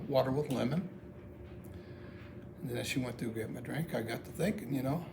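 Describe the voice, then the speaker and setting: A middle-aged or older American man tells a personal story in a plain-spoken, folksy, casual monologue. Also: mid-range voice. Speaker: amateur video storyteller. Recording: clearly audible background noise.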